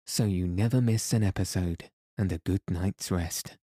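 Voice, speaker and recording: A man narrating a sleep story in a calm, gentle, unhurried manner, as the host guiding listeners toward rest. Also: deep voice, husky, no echo, clean studio sound. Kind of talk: soothing sleep story narration, bedtime audiobook reading.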